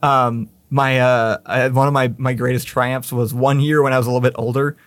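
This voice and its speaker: A man's voice: medium pitch, little pitch movement, moderate pace, no room sound. A young man co-hosting a casual podcast chat in an easygoing, self-deprecating way, chuckling as he tells stories. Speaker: podcast co-host.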